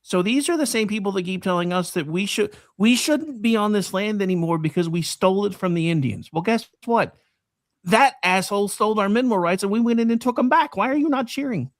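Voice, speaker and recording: A male co-host lays out casual political opinions bluntly and with profanity. His voice is high for a man, recorded very dry with no room sound. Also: fairly quick, no echo. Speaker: talk show co-host.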